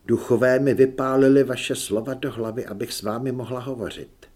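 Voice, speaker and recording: A male audiobook narrator voicing a bold, cunning young high priestess who speaks in a calm, persuasive way. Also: close to an everyday voice. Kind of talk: audiobook character reading.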